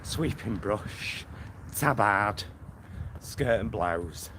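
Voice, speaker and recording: This middle-aged Englishman has a lowish voice, lively intonation and drawn-out words, plus a Greater Manchester accent. Vlogging as he walks a suburban road, he chats casually to camera, rambling in a slightly camp way with endearments, over loud outdoor traffic and street noise.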